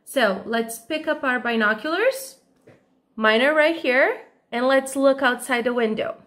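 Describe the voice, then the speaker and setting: Slow sing-song woman teacher. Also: sits high, a bit bright. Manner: slow, sing-song, encouraging questions to children. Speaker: kindergarten teacher. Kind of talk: online lesson for young children.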